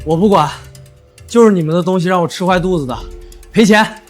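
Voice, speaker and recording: A man playing a brazen, whining troublemaker who fakes illness and loudly accuses, in a melodramatic short drama. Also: sits high, a little fast, faint music behind, close to an everyday voice. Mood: indignant, demanding.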